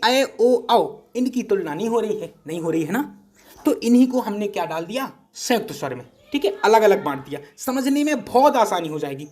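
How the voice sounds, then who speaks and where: Male teacher, high-pitched, patient exam-prep lesson style, lots of repetition and check-ins. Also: a little mellow. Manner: patient, repeats syllables and checks understanding often.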